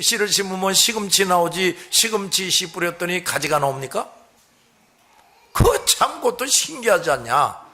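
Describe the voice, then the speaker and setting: A man's voice: high voice, pushed and bright. A middle-aged man pastor giving a folksy sermon on hymn lyrics, full of rhetorical questions.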